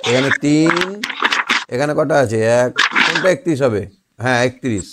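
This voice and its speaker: A man's voice: mid-range voice, normal speed, very noisy. A man teaching an online math lesson, patiently asking questions and answering them himself. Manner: patient, asks and answers his own questions. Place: online class on a video call.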